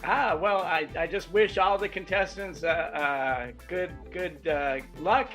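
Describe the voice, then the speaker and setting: On a video call, a man appears as a sponsor representative and interview guest, talking casually and a bit hesitantly in a relaxed remote interview. His voice is fairly high and fairly bright, and he speaks slowly. Music plays behind him.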